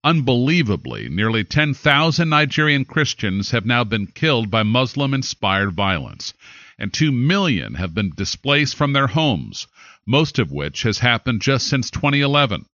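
A man's voice: medium pitch, very animated, normal speed, sharp tone, no echo, muffled recording. An American man reading scripted news in an emphatic, dramatic announcer style. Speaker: news anchor.

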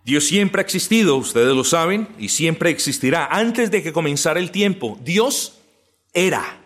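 A man preaching a doctrinal sermon, asking and answering his own questions and drawing out key words slowly for emphasis. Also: a little high, lively intonation, a bit bright. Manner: addresses listeners as brothers, asks and answers own questions. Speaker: pastor teaching doctrine. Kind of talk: sermon teaching.

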